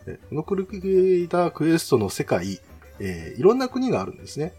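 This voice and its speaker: A man's voice: fairly high pitch, huge pitch swings, a little fast, warm tone, breathy edge, faint music behind. A man chatting casually and politely about games as a host, in a chatty way. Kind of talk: casual game talk with a co-host.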